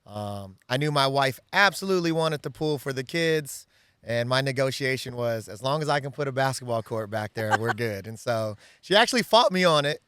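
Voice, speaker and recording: A real estate agent in his thirties from the US West Coast talks earnestly and at length as an interview guest, often saying "right?" and "um" in casual conversation in a backyard outdoors. His medium-pitched voice is expressive, smooth, and slightly bright at normal speed, with studio-quality sound and no echo.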